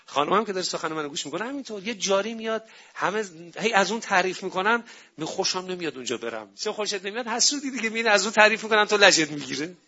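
Man, high bright voice, animated storyteller, parenting talk, dull lo-fi sound. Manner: animated storytelling, acting out quotes. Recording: dull lo-fi recording.

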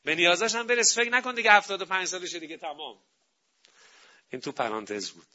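A man giving an animated public talk on parenting and family, telling stories and acting out what people say. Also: sits high. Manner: animated storytelling, acting out quotes. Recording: dull lo-fi recording.

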